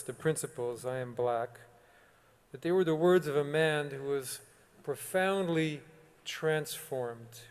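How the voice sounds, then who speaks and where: A man, a rabbi, delivering a solemn, measured sermon with long pauses. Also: mid-range voice, a little mellow, smooth. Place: synagogue sanctuary. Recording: long reverb of a large sanctuary.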